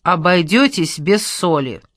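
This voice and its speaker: A woman's voice: on the low side, expressive, unhurried, fairly bright tone, dry recording, studio quality. A woman reader voicing a reserved young woman who speaks curtly and sternly. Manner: curt, stern.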